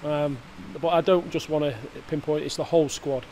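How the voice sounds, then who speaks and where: A man's voice: fairly high pitch, fairly even intonation, normal speed, warm tone, a little hiss or hum. A man, a football manager giving a post-match interview in a hesitant way, full of fillers and restarts, recorded close up indoors. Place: indoor press area before a sponsor board.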